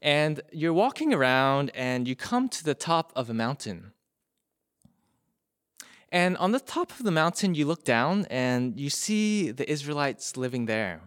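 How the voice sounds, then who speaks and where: A man's voice: mid-range voice, a bit bright, clean tone, no echo, studio quality. A male preacher telling an illustration in a sermon, speaking directly to his listeners. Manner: storytelling, addressing listeners directly.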